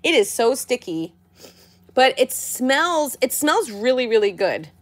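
A woman's voice: high-pitched, sing-song, unhurried. A woman, chatty and girlish, gushing casually as she hosts a toy and candy unboxing vlog. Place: indoors at home, by a tabletop.

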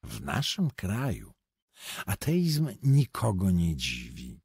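A man voicing a composed male editor who answers calmly, politely and matter-of-factly in an audiobook. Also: low voice, takes it slowly, gravelly, breathy edge, no echo, exaggerated voice. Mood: calm, assured. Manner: calm, polite, matter-of-fact. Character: composed male literary editor, diplomatic, self-assured.

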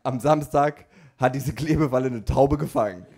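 A male stand-up comedian telling a rambling story live, full of fillers and restarts, who banters with the audience and bursts into shouts at the punchlines. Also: mid-range voice, normal speed, breathy edge.

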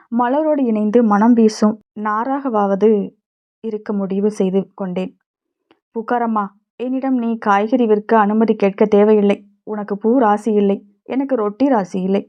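A woman narrating a short story for an audiobook in a steady, measured reading, on a dull lo-fi recording. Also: a little high.

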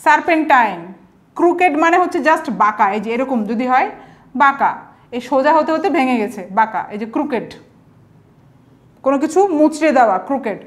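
A woman's voice: high-pitched, lively intonation, fairly quick. A woman teaching English vocabulary, explaining each word patiently and slipping English example sentences into her talk. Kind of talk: explanatory lesson.

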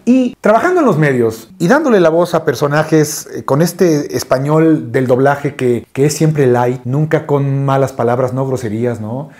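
A man with a Mexican accent, a dubbing voice actor talking in an interview and acting out quoted people in a much higher voice. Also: expressive, normal speed, hardly any pauses, darkish tone. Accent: Mexican Spanish. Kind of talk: interview talk.

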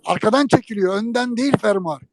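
A man's voice: high-pitched, fast, no echo. A man animatedly telling a funny anecdote to an interviewer, speaking right to his listeners. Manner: lively, jokey storytelling, addresses listeners directly. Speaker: guest telling an old prank story.

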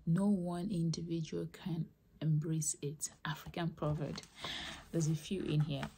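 A woman softly talking and whispering in a breathy voice as an ASMR host. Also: level tone, unhurried. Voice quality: breathy whisper mixed with soft low voice. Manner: soft, repetitive trigger words.

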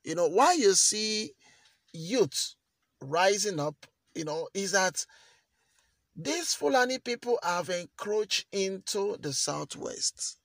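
A man talks straight to his viewers in a fairly high voice, earnest and repeating key lines to drive them home. The sound is dry and close, with no room around it. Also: lively intonation, slow, a bit bright, no echo. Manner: earnest, repeats phrases for emphasis. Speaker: news vlogger. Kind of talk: commentary to camera.

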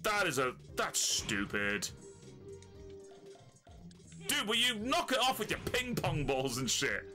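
A man giving live gameplay commentary, excitable and swearing often, with loud bursts of laughter. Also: a little high, slow, soft background music. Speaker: let's play streamer.

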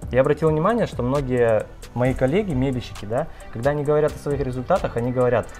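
Male interviewer, conversational questions, medium pitch, faint music behind. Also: quick pace, a little mellow. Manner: conversational, asks long questions with fillers. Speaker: interviewer, channel host. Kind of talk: casual interview.

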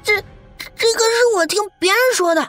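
A man voicing a timid, terrified young village boy in a horror audiobook, in a shrill falsetto that stammers and sobs. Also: normal speed, pushed and bright, soft background music.

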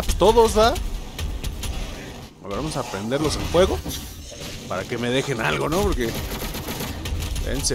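A man with a Mexican accent playing a shooter video game, giving loud excited commentary, swearing constantly and talking to the enemies and the viewers. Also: mid-range voice. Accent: Mexican Spanish. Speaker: gaming video host. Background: game music.

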